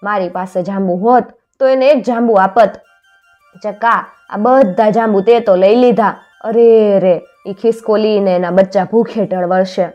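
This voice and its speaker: A woman's voice: medium pitch, measured pace, a little mellow, lo-fi sound, faint music behind, close to an everyday voice. A woman voicing a kindly, tearful female jamun tree in a storybook tale, half-chanting sing-song rhymes. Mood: soft, pitying.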